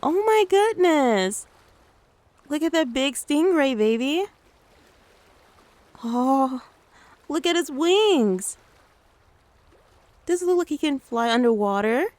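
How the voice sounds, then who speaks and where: A woman playing a gentle, doting mother in a soft-spoken ASMR role-play, soothing and coaxing as she talks to the listener like a small child. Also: high-pitched, very animated, takes it slowly, long pauses, no room sound, heavily acted. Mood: tender. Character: gentle doting mother taking her little one out. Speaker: ASMR creator.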